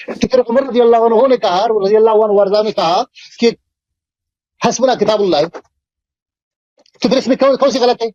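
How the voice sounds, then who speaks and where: A man's voice: extremely high pitch, pauses often, warm tone, dry recording, muffled recording. A Sunni cleric in a religious debate, explaining his point and pleading to be heard.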